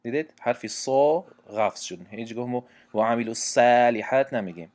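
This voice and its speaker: A man with a Tajik accent gives a religious recitation lesson at an ordinary pitch. He explains each rule patiently, repeating his points and pausing often to find his words. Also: darkish tone. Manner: patient, repeats points and examples, frequent hesitations. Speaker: Quran recitation teacher.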